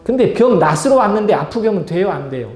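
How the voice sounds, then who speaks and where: A man's voice: sits high, sing-song, fast, darkish tone, echoey room. A male pastor preaching a sermon, asking the congregation questions and acting out small scenes to make his point. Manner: asks the congregation questions and acts out little scenes.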